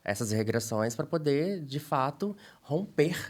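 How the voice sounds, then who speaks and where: A man's voice: fairly high pitch, lively intonation, a little slow. A man hosting a podcast, chatting casually and chiming in with enthusiastic agreement. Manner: enthusiastic, affirming interjections. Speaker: podcast host.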